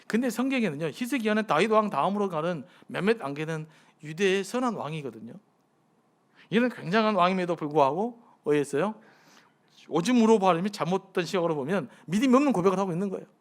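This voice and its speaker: High-voiced pastor preaching conversationally. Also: male voice, lively intonation, fast talker. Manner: conversational preaching with rhetorical questions to the congregation; acts out pleading prayers in a hushed, softened voice. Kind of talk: sermon at a midweek prayer service.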